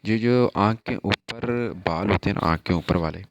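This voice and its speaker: A man giving a casual language lesson, slowly repeating vocabulary and its meanings. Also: lowish voice, lo-fi sound, noisy background. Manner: slow repetitive word drills. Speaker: language teacher.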